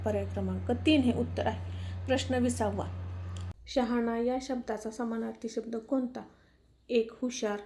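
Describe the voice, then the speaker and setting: A woman teacher works through quiz questions one by one, reading each option and then the answer in a steady, methodical way. Her voice sits a little high but sounds mellow and soft-edged.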